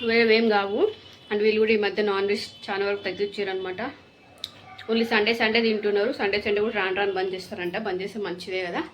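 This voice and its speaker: A woman's voice: mid-range voice, a bit bright, a little hiss or hum. A woman, a mother chatting to a phone camera in her home kitchen. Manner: brisk, chatty, talks to the camera while cooking. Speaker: vlogger and mother. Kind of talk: casual daily vlog chat.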